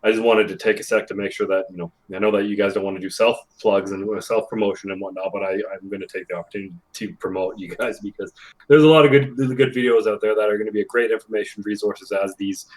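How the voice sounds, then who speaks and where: Low-ish guy rambling on a gaming podcast, lots of um and you know. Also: steady tone, fast, poor audio. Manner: rambling, many fillers. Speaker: guest, influencer manager. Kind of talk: casual podcast chat.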